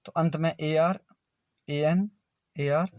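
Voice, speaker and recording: Male pronunciation tutor, fairly high voice, very slow and deliberate, spells each word out before saying it. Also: fairly even intonation, no room sound. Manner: spells words letter by letter, then says them slowly. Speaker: English pronunciation teacher.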